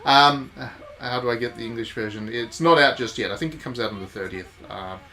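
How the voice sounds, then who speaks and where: A game streamer and reviewer addresses his viewers with chatty, jokey commentary during a casual livestream, reading game text aloud along the way. He has a medium-pitched voice that is bright and forceful, and he talks fairly quickly.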